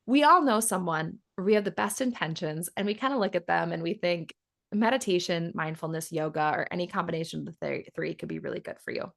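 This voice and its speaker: A woman's voice: lowish voice, a little fast, vocal fry, fairly bright tone. A woman in her thirties, a yoga and meditation teacher, talking casually in an interview and acting out quoted voices. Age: 30s. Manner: chatty, acts out quoted voices, laughs often.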